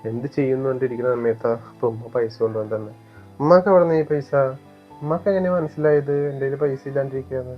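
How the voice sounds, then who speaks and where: A man's voice: mid-range voice, fast talker, dull audio, lightly acted. A young man with a Malappuram Malayalam accent playing a resentful son who bitterly rejects his stepfather in an amateur family short film. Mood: dejected. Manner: bitter, defiant outbursts. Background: faint music.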